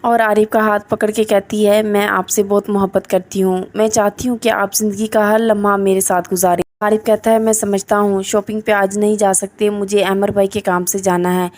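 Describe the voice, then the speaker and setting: A woman's voice: medium pitch, flat delivery, hardly any pauses, a little mellow. A woman narrating a scripted episode recap and reading the characters' lines in her own voice. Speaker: drama reviewer.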